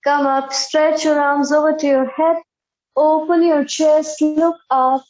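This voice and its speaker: High-pitched, slow-paced Indian woman teaching yoga. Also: little pitch movement, darkish tone. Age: 20s. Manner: measured short commands and slow counts. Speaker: yoga instructor. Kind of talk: live exercise class instruction with counting. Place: indoor bare room, online video class. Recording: roomy, dull video-call audio.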